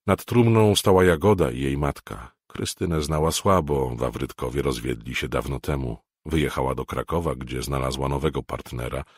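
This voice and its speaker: A man from Poland reading a novel aloud as an audiobook narrator, measured and expressive. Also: rumbling low, no echo, studio quality.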